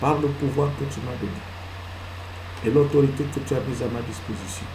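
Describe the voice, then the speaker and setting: A male pastor preaching a sermon, swinging from loud emphatic peaks to hushed asides and answering his own questions. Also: mid-range voice, fairly even intonation, brisk, noisy background. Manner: asks the congregation questions and answers them himself. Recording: echoey hall with faint ambience.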